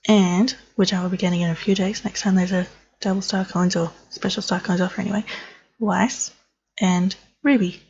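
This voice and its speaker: A woman's voice: mid-range voice, level tone, fairly quick, a little mellow, lo-fi sound. A woman giving chatty, amused gameplay commentary, talking to herself as she plays. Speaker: let's player.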